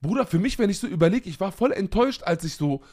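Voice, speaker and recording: A man's voice: high voice, expressive, fast talker, a little mellow. A young man co-hosting a podcast in casual, slangy banter. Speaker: podcast co-host. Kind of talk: casual chat.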